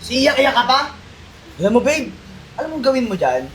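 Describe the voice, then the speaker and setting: A man's voice: very high voice, sing-song, brisk, a bit bright, slight background noise, exaggerated voice. A man playing a mocking callous partner. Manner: teasing, laughing cruelly.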